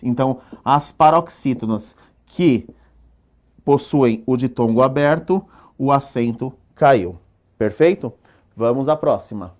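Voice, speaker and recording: A man with a Brazilian Portuguese accent teaching an exam-prep lesson at a board, explaining step by step and often checking in with the class. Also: mid-range voice.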